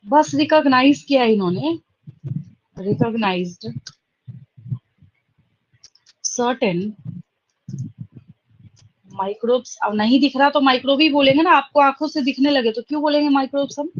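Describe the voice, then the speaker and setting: High-voiced teacher, dry and muffled. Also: female voice, steady tone. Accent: Indian English. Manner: explains step by step, dictates slowly, checks understanding. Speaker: biology teacher. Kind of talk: classroom lecture.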